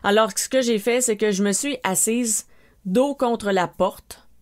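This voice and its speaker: A woman's voice: on the high side, a little slow, a little mellow. A woman with a Québécois French accent, hosting a podcast and telling a personal story, animatedly acting out her own frightened exclamations. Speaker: podcast host.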